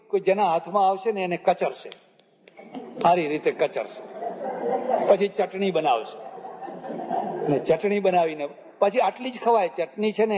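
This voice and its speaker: An older Gujarati-accented spiritual teacher giving a storytelling discourse, acting out dialogue with humorous asides. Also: male voice. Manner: acts out dialogue with shifting pitch, humorous asides. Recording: phone-like audio in a reverberant hall.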